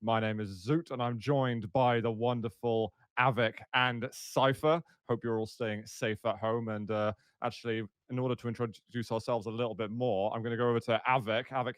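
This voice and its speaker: A man's voice: mid-range voice, fairly even intonation, a little fast, hardly any pauses, no room sound. A man in his thirties hosting a podcast interview, friendly and steering the talk with questions. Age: 30s. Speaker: podcast host.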